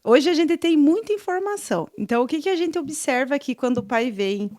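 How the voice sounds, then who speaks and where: A woman's voice: high-pitched, lively intonation, a little fast, a little mellow, no room sound, studio quality. A woman who hosts a clinic podcast, talkative and telling stories from her work. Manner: chatty, storytelling. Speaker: podcast host, clinic professional. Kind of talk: podcast interview.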